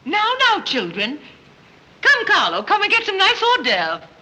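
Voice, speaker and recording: High, flighty screwball comedy society mother. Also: huge pitch swings, a little slow, bright, forceful tone, heavily acted. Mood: fretful. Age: middle-aged. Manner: flighty, chattering, dithering. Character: scatterbrained, fussing society mother, doting and flighty. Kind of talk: 1930s screwball comedy film banter. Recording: noisy 1930s film soundtrack.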